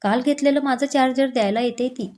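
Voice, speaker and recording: Woman narrating a story, slightly high voice. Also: a little mellow. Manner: reads all characters' dialogue in her own voice, slowing for quotes.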